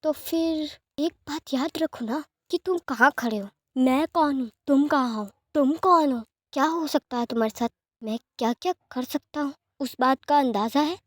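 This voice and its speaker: A woman's voice: high-pitched, normal speed, no room sound, studio quality, pitched above the performer's own voice, close to an everyday voice. A woman voicing a cruel young male villain who taunts and gloats in a sing-song way. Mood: threatening.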